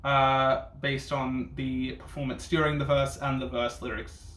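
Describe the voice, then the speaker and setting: A man's voice: mid-range voice, flat delivery, unhurried, fairly bright tone. Sassy drag-queen man in an echoey room. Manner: sassy, bitchy drag-queen delivery with camp slang and swearing. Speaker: reviewer hosting a ranking video. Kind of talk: casual reaction commentary. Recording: echoey room with faint noise.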